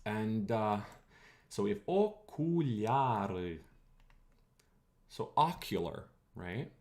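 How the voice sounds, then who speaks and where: A man's voice: fairly low pitch, sing-song, extremely slow, darkish tone. A man whose first language is Croatian, giving a chatty, digressive live-stream lecture on language history and thinking aloud as he goes. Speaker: streamer teaching linguistics.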